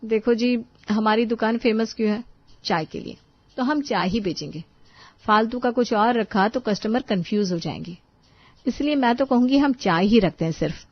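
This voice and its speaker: A woman voicing a calm, sensible older sister-in-law in a cartoon, speaking in a measured way. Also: a little high, lightly acted. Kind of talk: cartoon voice acting. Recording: dull dry studio voice-over.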